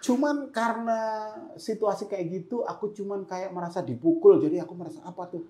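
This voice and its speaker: A man's voice: sits high, fairly quick, mellow, slight background noise. A man recounting his experiences as a photojournalist in a podcast interview, acting out his own words as he tells it. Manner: vivid storyteller, acts out his own past words. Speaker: photojournalist guest. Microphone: podcast microphone. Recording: roomy echo.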